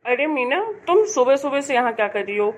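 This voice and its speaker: A woman's voice: high-pitched, fairly quick, a little hiss or hum, natural voice. A woman voicing an irritable adult son who scolds his mother impatiently in a family drama. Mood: scolding. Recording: dull lo-fi home recording.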